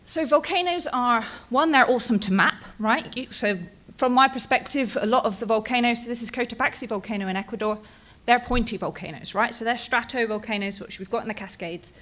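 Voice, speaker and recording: Her voice is on the high side and a bit bright, and she talks fairly quickly with few pauses. This woman in her thirties, a Bristol native with a British English accent, gives a chatty, informal conference talk on her research, full of ums and "right?"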